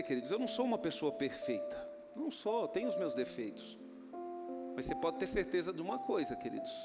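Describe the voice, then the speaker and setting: A man with a Brazilian Portuguese accent preaching a sermon as pastor, with loud rises and soft drops. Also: on the high side. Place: church hall. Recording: roomy hall with music behind. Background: music playing.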